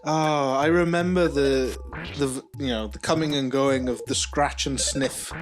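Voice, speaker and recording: A man's voice: medium pitch, fairly even intonation, a little slow, faint music behind. A British man in his thirties chatting casually as co-host of a game let's play. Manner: chatty, nostalgic storytelling. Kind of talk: casual gaming chat.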